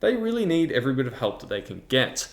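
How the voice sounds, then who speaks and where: With a sing-song quality, a man hosting a tabletop game review channel walks through his review in a measured, mid-pitched voice. It sounds semi-scripted, recorded on a large microphone in front of him in an echoey room that adds clear reverb.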